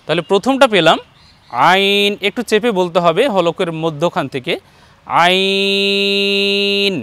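A man with a fairly high voice teaches a Quran reading lesson, speaking patiently and straight to his viewers. He stretches out each letter sound so they can repeat after him. The sound is dry and close, with no room echo. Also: fairly bright tone. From Bangladesh. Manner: patient, addresses viewers directly, drawn-out letter sounds for repetition. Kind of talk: step-by-step pronunciation lesson.

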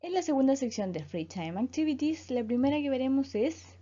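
A woman from Chile, an English teacher speaking slowly and clearly as she leads a school lesson. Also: high-pitched, sing-song, mellow. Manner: slow, clear teacher delivery, repeating words for students. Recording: dull lo-fi voice recording.

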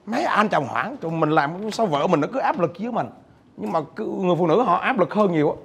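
A middle-aged man from Vietnam, giving an animated, joking seminar talk as a business trainer, repeating words and questioning his audience. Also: on the high side, creaky, husky.

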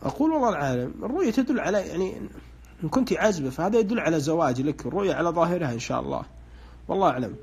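A man's voice: a little high, very animated, rapid-fire, gravelly, husky. A man on a live broadcast, interpreting dreams and asking callers short questions, with a pious, hedging way of speaking. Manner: hedging with religious phrases.

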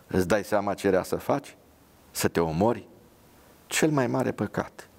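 A man's voice: on the low side, expressive, creaky, darkish tone. A man voicing a pious, blunt young woman dressed as a nurse, with an earnest, scolding manner.

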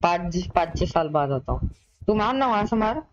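A young man on a gaming voice chat, pleading and joking with teammates. His delivery swings up and down in pitch. The sound is dull and lo-fi, like a headset mic. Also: normal speed. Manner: excited, pleading, joking banter. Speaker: gamer.

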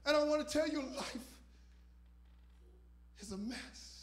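A man preaching a sermon on a church stage into a handheld microphone, moving between loud shouted lines and quiet asides. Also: very high voice, a little slow. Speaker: visiting pastor. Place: church stage with purple lights.

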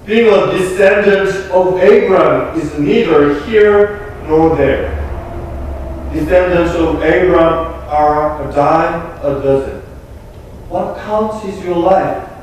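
Young Korean-accented pastor preaching in echoey church. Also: male voice, on the high side, darkish tone, distant mic, a little hiss or hum. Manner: earnest, emphatic preaching with deliberate pauses. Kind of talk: sermon. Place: small church sanctuary. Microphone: room mic from a distant camera.

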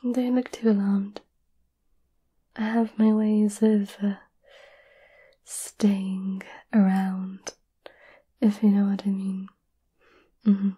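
A woman doing a whispered role-play as a gentle, caring witch, soothing and a little hesitant, close to the microphone. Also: medium pitch, little pitch movement, slow, pauses often. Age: 20s. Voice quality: breathy whisper. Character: gentle, caring centuries-old witch offering potions. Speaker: ASMR performer. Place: small candlelit indoor room.

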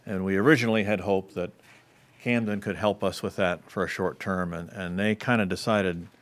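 A man with a low voice speaks at a town board budget meeting, measured and hedging, often restarting his sentences. He talks into a table microphone in a municipal meeting room. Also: fairly even intonation. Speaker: select board member.

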